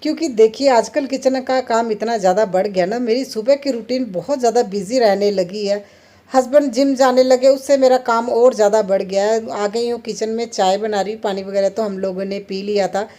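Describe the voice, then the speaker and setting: A woman's voice: on the high side, brisk, mellow. A woman in her thirties chatting to viewers while cooking in her home kitchen, laughing often as she talks. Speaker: home vlogger. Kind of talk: casual kitchen vlog narration.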